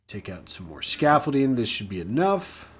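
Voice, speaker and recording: A man's voice: mid-range voice, very animated, normal speed, husky. A man hosting a gaming channel, giving casual, goofy gameplay commentary as he plays. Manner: chatty, goofy and self-mocking.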